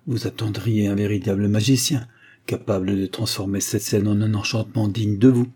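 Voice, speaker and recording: A man's voice: lowish voice, steady tone, normal speed, dark tone, breathy edge. A man reading an audiobook, voicing a witty, teasing young male count in playful, ironic banter.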